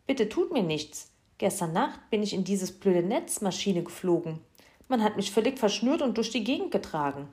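A woman voicing a timid, lost spiky dragon in a storybook reading, grumbling and pleading slowly. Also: medium pitch, big pitch swings, darkish tone, pitched above the performer's own voice, natural voice. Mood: frightened.

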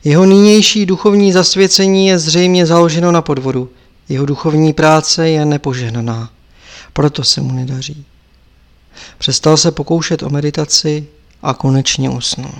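A male audiobook narrator reads in a calm, measured way. His voice sits somewhat high for a man. The delivery stays steady and scripted throughout.

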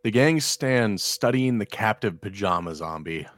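A man's voice: fairly low pitch, animated, measured pace, a bit bright, no room sound, clean studio sound. A man reading screenplay stage directions aloud as an amateur narrator. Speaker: amateur script reader.

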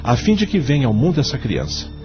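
In a Brazilian radio drama, a male actor plays an eloquent judge and mentor who is devout and firmly principled. He talks fast at medium pitch with huge pitch swings, solemn and impassioned, speaking formally and oratorically with rhetorical questions. The audio is dull and lo-fi, with faint music.

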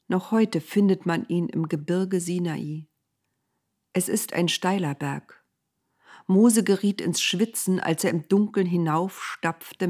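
A woman narrating a Bible story in a calm, measured way. Her voice is husky and somewhat low, and she reads very slowly.

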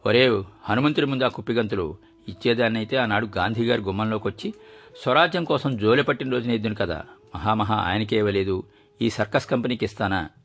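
A man reading a story aloud and voicing a sharp-tongued old grandmother who scolds with scorn and defiance. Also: on the low side, fairly quick. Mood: scornful.

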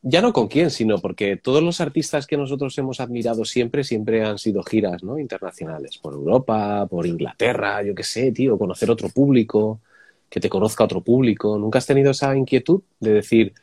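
A man with a Spanish accent and a low, husky voice hosts a relaxed conversation. The sound is close and dry, with little room around it. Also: a little fast, dry recording. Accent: Spanish from Spain. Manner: relaxed, conversational, drops in mild swearing. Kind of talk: casual interview.

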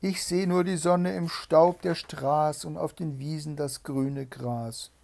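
A man's voice: steady tone, takes it slowly, gravelly, a little mellow. A man reading a fairy tale aloud and voicing a young sister who calls down her reports in a raised voice. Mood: calling. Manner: high, calling out reports. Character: young sister keeping watch from a tower.

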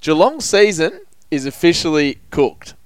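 A man's voice: fairly high pitch, big pitch swings, unhurried, clear, resonant tone, dry recording. An Australian man hosting a casual footy show, chatting in a blokey, matey way full of local slang. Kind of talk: casual sports banter.

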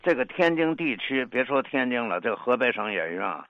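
An older man with a Tianjin accent, a dialect scholar giving a measured, lecturing talk on pronunciation and sounding out syllables one by one. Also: medium pitch, very animated, dry recording, phone-quality sound, faint music behind.

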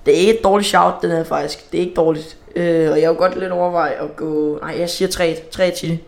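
A man's voice: on the high side, steady tone, gravelly, darkish tone. A man hosting a casual football prediction chat. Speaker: host of a football prediction talk.

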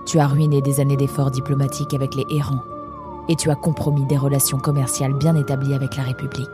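A woman reading out a threatening letter as a cold spymaster in a children's story. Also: extremely low pitch.

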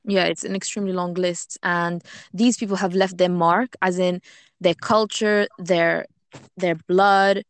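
Non-native english speaking woman, lowish voice, dry close sound, explaining stuff casually, kinda translating in her head as she goes. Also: little pitch movement, a little slow, no room sound. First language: not English. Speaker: co-host. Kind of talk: informal explainer talk.

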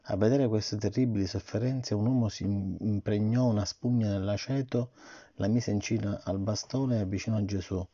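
A middle-aged man reading a bedtime story aloud to his son and gently, patiently asking him questions about it. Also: fairly low pitch, steady tone, normal speed. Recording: dull lo-fi recording.

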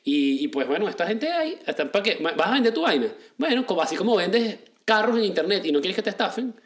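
Venezuelan man host, very fast, slangy, joking. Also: high-pitched, very animated. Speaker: podcast host. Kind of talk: casual chat.

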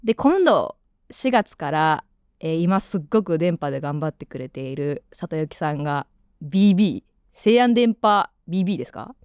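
A woman's voice: low voice, big pitch swings, moderate pace, a little mellow, smooth, dry recording, studio quality. A woman in her twenties with a Kansai accent, hosting a radio show in casual, rambling chat full of fillers. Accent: Kansai Japanese. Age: 20s. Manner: chatty, rambling, with frequent fillers. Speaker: radio host.

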